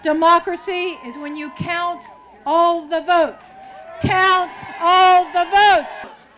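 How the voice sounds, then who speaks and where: A woman's voice: very high-pitched, steady tone, slow pace, fairly bright tone, some chatter behind, slight background noise, poor audio. A woman giving an impassioned, declamatory protest speech that ends in a chant. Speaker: rally speaker.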